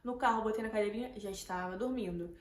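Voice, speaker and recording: A woman's voice: mid-range voice, fast talker. A young woman with a Brazilian Portuguese accent, retelling a tense night to her viewers in casual, emotional storytelling that keeps repeating words. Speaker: vlogger. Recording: echoey room, faint background noise.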